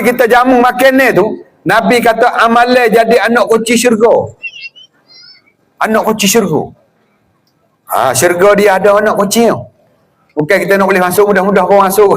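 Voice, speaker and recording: High-voiced Patani Malay religious teacher. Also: male voice, brisk. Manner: lively, acts out greetings, chuckles often. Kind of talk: religious lecture.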